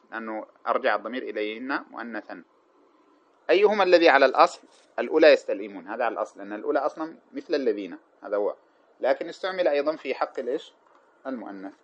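A man gives a grammar lesson at a brisk clip. He keeps asking his class questions and answering them himself, and he chants the quoted verses slowly. The recording is dull and muffled. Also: medium pitch, a bit bright. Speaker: teacher of Arabic grammar. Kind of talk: classroom explanation of a grammar text.

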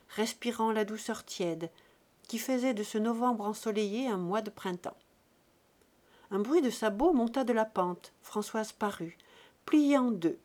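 A woman narrating a classic novel aloud in a measured, expressive way. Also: medium pitch. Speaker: audiobook reader. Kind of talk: literary narration.

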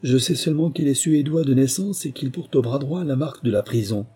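A man reading the part of a frail, chilly amateur detective who speaks calmly and cuttingly. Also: fairly high pitch, normal speed, slightly rough, pitched above the performer's own voice. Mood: accusing. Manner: calm, cutting and placid.

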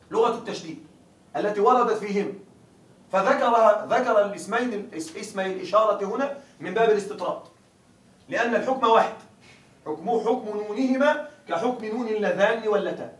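A male grammar teacher with a high voice lectures a class. He drags out each example word and keeps checking that the students follow, heard from a distance in an echoing room. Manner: keeps asking students if it is clear; drawls example words slowly. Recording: echoey room, mic far off.

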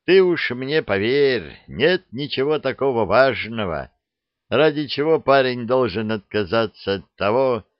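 A suave, carefree captain, as a male narrator puts him on, unhurried and airy with lively turns of phrase. The storybook audio is dull and dry. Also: mid-range voice, no room sound, close to an everyday voice. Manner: smooth, languid, airy.

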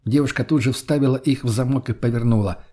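A man with a husky, mid-pitched voice reads a first-person audiobook. He tells the story at a steady, even pace. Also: fast talker. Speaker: narrator. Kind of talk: audiobook narration.

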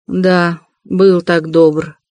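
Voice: medium pitch, fairly even intonation, a little slow, darkish tone, no room sound, close to an everyday voice. Raskolnikov, a reader voicing a feverish, irritable young man. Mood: irritable insistent. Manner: irritable, insistent.

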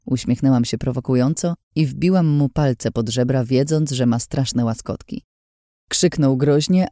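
A man narrating a novel aloud in a steady first-person storytelling manner. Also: mid-range voice, no room sound, studio quality. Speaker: audiobook narrator. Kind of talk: scripted audiobook narration.

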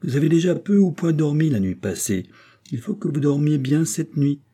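A man voicing a genial king from a storybook reading, hearty and insistent and plainly fond of his supper. The voice sits raised above the reader's usual low pitch. It keeps a dark, husky grain. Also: expressive, normal speed. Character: genial, well-fed old-regime king.

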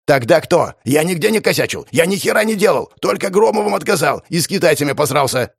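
A man doing a hoarse, frantic gang boss. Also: on the high side, lively intonation, moderate pace, dry recording, studio quality, pitched above the performer's own voice, heavily acted. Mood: panicked. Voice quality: hoarse, rasping. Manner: foul-mouthed, frantic, pleading. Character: hoarse middle-aged male gang boss, brash then panicked. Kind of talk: audiobook character voice.

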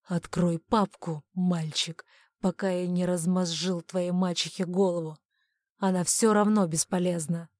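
Lady reading as a cold creepy mentalist guy, slow quiet threats, dry booth sound. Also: lowish voice, steady tone, no room sound, natural voice. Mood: menacing. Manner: slow, soft-spoken and coolly menacing. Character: cold, detached adult male mentalist villain. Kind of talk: audiobook character voice.

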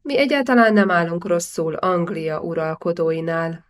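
A woman reading the lines of a shrewd, calculating older male banker in an audiobook, smooth and persuasive. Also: on the low side, lightly acted.

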